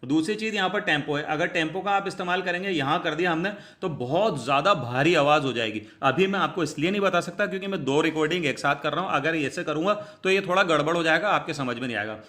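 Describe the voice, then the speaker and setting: Bright-voiced man explaining software steps. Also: on the high side, fast talker, few pauses. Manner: step-by-step instructions, addresses viewers as friends. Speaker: tutorial host. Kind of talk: screen tutorial walkthrough.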